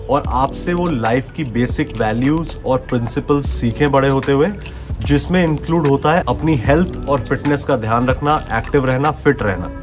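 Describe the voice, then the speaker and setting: A man about to turn forty, a fitness coach giving an earnest, coaxing motivational talk and switching between Hindi and English phrases. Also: medium pitch. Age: 30s. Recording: music playing underneath.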